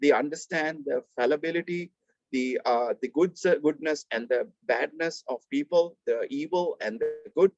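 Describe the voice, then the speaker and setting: A man with a Sri Lankan accent lecturing an online class, explaining a text in a halting, emphatic way, rephrasing and repeating as he goes, over a video call. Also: fairly high pitch, a little mellow, no room sound, faint music behind. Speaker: university lecturer. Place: online video call, close dry sound. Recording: slightly dull video call audio.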